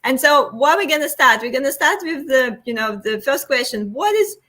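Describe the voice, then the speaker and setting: A woman's voice: sits high, expressive, normal speed, a bit bright. A woman hosting a live webinar, greeting viewers and putting questions to her guest. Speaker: host.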